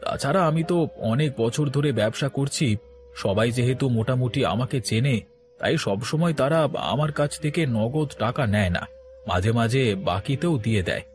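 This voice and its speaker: In a moral-story cartoon, a man voices a kind, honest shopkeeper and father, sounding welcoming, earnest, and instructive. His mid-range voice is animated and close to everyday speech, at a normal pace, with faint music behind him.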